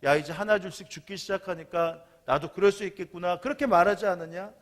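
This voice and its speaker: A gruff, scolding God from a sermon anecdote, as a preacher puts him on. He hectors and lectures in a fairly high male voice, everyday rather than theatrical. The telling is part of a church sermon. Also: quick pace, natural voice.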